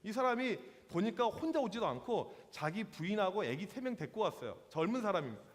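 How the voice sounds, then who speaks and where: A man in his forties preaching to teenagers as a youth pastor, lively and slangy, acting out quotes in different voices. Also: high voice, fairly quick. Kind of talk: sermon to teenagers. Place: church hall. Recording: long hall reverb.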